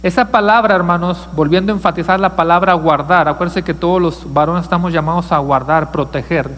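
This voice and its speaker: A man's voice: high voice, fairly even intonation, fairly quick, fairly bright tone, in a large hall. A male pastor preaching a sermon, asking the congregation questions and joking with them. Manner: asks the congregation questions, jokes with listeners. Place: church sanctuary.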